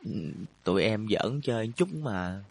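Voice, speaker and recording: A man's voice: mid-range voice, animated, a little fast, no echo, natural voice. A man voicing a timid, anxious schoolgirl with pigtails who pleads worriedly.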